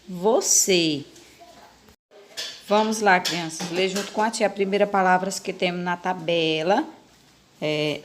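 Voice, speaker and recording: A woman's voice: on the low side, unhurried, pauses often, background noise. A female primary school teacher with a Brazilian Portuguese accent, recording a lesson for young children. She talks patiently and coaxingly, asking questions and repeating key words.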